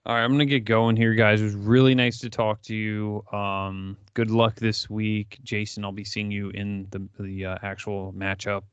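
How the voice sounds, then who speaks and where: A man with a low, smooth, resonant voice who talks in a relaxed drawl. The sound is dry and dull, as if from a lo-fi mic. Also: normal speed, hardly any pauses, no echo. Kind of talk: casual chat.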